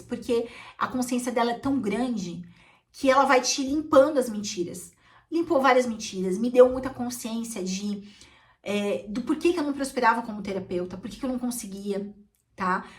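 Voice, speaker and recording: A woman from with a fairly high voice, sharing a personal story as a therapist. She talks in a heartfelt, emotional, confessional way and keeps checking in with her listeners. Her voice sits a little far from the microphone. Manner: heartfelt and emotional, frequent "né" tags.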